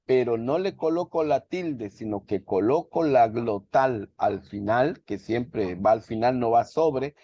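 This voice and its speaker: A man's voice: medium pitch, a little slow, hardly any pauses, dark tone, no echo. A man teaching a language class over a video call, patiently repeating words so his students can follow. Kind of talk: virtual class explanation.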